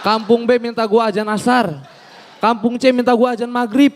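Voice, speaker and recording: Animated high-voiced young comedian. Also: male voice, moderate pace. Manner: animated storytelling, acting out characters in shifting voices. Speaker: stand-up comedian. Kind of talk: stand-up comedy set.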